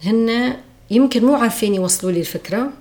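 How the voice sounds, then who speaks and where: Quick-talking Levantine Arabic woman. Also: a little high, a little mellow. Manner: reflective, acts out quoted voices. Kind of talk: casual conversation.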